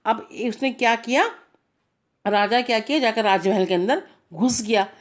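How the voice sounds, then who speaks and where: A woman's voice: on the high side, normal speed. A woman telling a bedtime story aloud to a child. She talks in an informal, rambling way and turns to address the child directly now and then.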